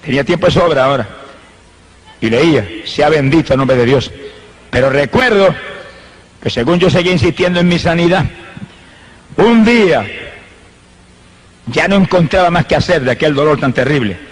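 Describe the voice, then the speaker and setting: A man's voice: on the high side, lively intonation, moderate pace, long pauses, slightly rough, rough recording. A man from Rico, an evangelist giving a fervent sermon testimony and breaking into praises. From Puerto Rico.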